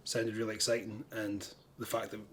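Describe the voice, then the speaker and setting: A man's voice: on the low side, flat delivery, normal speed, a bit bright, slight background noise. A man with a Scottish accent, talking casually as an interview guest from a band. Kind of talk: casual chat.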